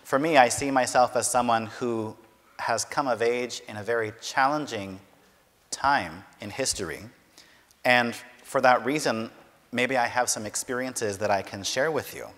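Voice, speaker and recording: A man interpreting a talk consecutively, in steady and careful formal phrasing. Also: medium pitch, a little slow. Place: large university lecture hall. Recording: long hall reverb.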